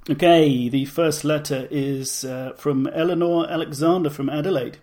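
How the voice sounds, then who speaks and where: A man's voice: fairly high pitch, steady tone, normal speed, mellow. A man co-hosting a casual podcast, reading listener letters aloud with dry, jokey asides. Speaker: podcast co-host.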